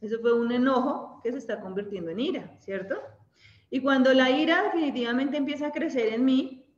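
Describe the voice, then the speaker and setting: A woman with a Colombian accent leads a women's Bible study in a high, fairly quick voice. She talks conversationally, often checking in with her listeners and ending points with tag questions. The recording is dull and lo-fi, made in an echoey room.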